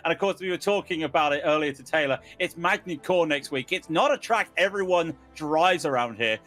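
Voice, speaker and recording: A man's voice: fairly high pitch, lively intonation, a little fast, a bit bright, faint music behind. A man with a West Country English accent, interviewing drivers as a paddock reporter in a playful, teasing way. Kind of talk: sports broadcast interview.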